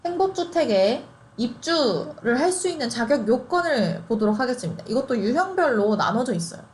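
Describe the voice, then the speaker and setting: A woman's voice: mid-range voice, darkish tone. A young woman in her twenties chatting through an explainer, laughing often and asking rhetorical questions. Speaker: host explaining housing programs. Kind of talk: casual explainer.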